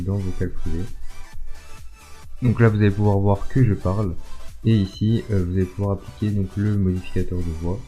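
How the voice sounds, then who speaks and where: Mellow-voiced man presenting a tutorial. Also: lowish voice, poor audio. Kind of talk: step-by-step software tutorial. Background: background music.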